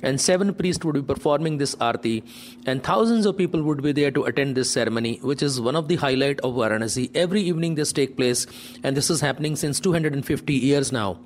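A tour director, speaking fast in a medium-pitched voice, explains the day's plans in an on-location conversation. His manner is explanatory with slightly nonstandard grammar, and a little hiss or hum is audible.

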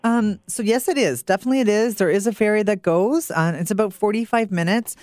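A woman's voice: mid-range voice, a little fast, darkish tone, no room sound, clean studio sound. A woman talking informally on the radio as a travel company guest.

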